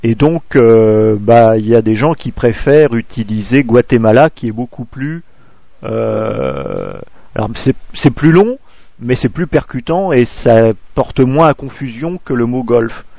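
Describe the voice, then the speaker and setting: A man from France giving a spoken amateur radio lesson, halting, full of fillers and restarts, close to a clipping desk microphone. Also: mid-range voice, lively intonation, gravelly, mellow, no echo, highs cut off.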